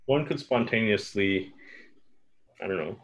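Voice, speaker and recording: A man's voice: lowish voice, unhurried, rough recording. A man playing a board game, chatting casually and thinking aloud about his moves. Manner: relaxed, thinking aloud, chuckles.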